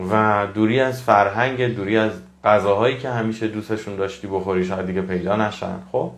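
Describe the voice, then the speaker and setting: A man's voice: fairly low pitch, roomy sound. A man giving a motivational talk to his audience, earnest and preachy, repeating phrases for emphasis. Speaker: motivational speaker.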